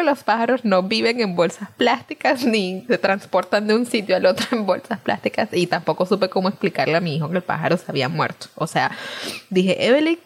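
A woman co-hosting a casual podcast chat, a doctor and mother telling lively stories about parenting. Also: medium pitch. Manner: animated storytelling, acts out her own exasperated shouts.

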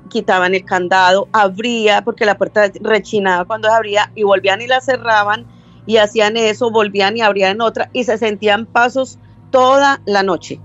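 Brief: older woman, Medellín Colombian accent, rambling storyteller, dull lo-fi line with faint music. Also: mid-range voice. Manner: rambling, self-correcting, acts out quoted dialogue. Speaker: caller sharing a story. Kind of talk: casual storytelling.

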